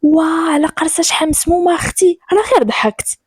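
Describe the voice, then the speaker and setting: A woman's voice: medium pitch, lively intonation, warm tone, no echo, studio quality, close to an everyday voice. A woman doing a mocking Moroccan young woman. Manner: teasing, quick retorts. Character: sharp-tongued mocking young woman cousin.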